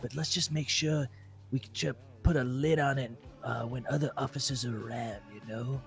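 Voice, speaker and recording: A man's voice: mid-range voice, fairly even intonation, moderate pace, vocal fry, faint music behind, natural voice. A man playing a deputy in a game roleplay, joking in a mock-grand, bossy way.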